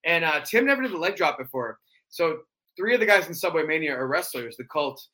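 A man, a podcast guest, telling wrestling stories in a casual, animated way, acting out quotes with sudden jumps in his voice. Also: on the high side, a little fast, rough recording. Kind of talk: casual storytelling.

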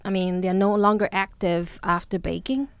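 Woman host, mid pitch, hesitant filler-laden delivery, dry close sound. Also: level tone, moderate pace, clear, resonant tone, no echo. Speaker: podcast host. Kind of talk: casual podcast chat.

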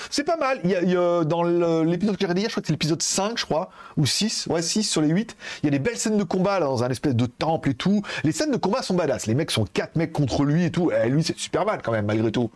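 Male host, fairly high voice, casual rambling commentary full of fillers. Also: darkish tone. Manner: rambling, lots of hesitations and fillers, swearing, laughs often. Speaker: tech news show host. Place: at home in Asia.

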